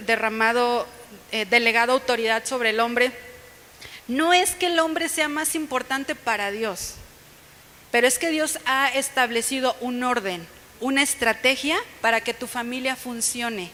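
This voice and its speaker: A woman with a Mexican accent preaches a sermon, telling stories in a conversational way. Her voice is high and bright. It carries a long reverb from a church hall. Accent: Mexican Spanish. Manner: conversational, storytelling, quoting others with lively put-on voices. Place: church sanctuary.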